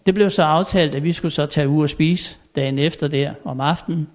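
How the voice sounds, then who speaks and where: Older man with a fairly high voice. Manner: chuckles often, chatty with fillers. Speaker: storyteller. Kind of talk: anecdotal storytelling.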